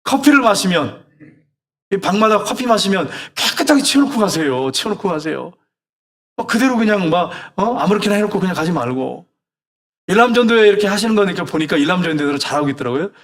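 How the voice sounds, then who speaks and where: A man's voice: high voice, expressive, fast, fairly bright tone. A middle-aged male pastor preaching a sermon, exhorting the congregation with scolding rhetorical questions.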